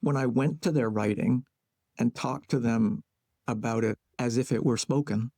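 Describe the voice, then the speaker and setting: A man with a gravelly, low-burning voice speaks as an interview guest. He thinks out loud in short, measured phrases, and his tone sits dark and mellow. The sound is close and dry, with no room around it. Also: no echo. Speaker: guest, playwright and educator. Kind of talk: reflective conversational interview.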